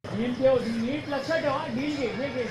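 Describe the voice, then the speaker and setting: A man's voice: very high voice, a little slow. Man acting as a commanding elder brother, barking kite orders, boastful, noisy outdoor sound. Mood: scolding. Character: bossy young kite-flying elder brother. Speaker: older brother flying kites. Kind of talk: short film acting.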